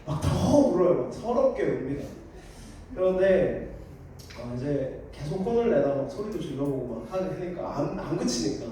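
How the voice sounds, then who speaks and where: A male pastor in his thirties preaches with a high but mellow voice, telling stories earnestly and turning often to address his listeners. He sounds far from the mic in a very echoey hall with a faint hiss behind him. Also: big pitch swings, moderate pace. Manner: earnest, storytelling, addresses congregation directly. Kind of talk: sermon.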